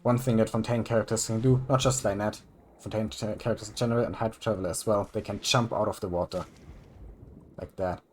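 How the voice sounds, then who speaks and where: A man's voice: on the low side, fairly even intonation, fast, a little mellow, slight background noise. A young man giving casual, rambling commentary over gameplay, full of ums and the odd swear word. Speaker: gaming YouTuber.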